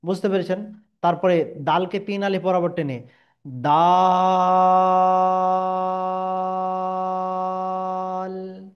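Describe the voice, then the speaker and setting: A man's voice: high-pitched, dull audio. A man teaching Quran pronunciation step by step, patiently repeating each letter sound and stretching the vowels.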